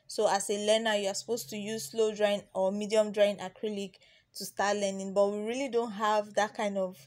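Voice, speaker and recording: Her medium-pitched voice stays level and a little mellow at a normal speed. The young Nigerian woman chats through her beginner nail tutorial as a voice-over, circling back on points with frequent ums and restarts.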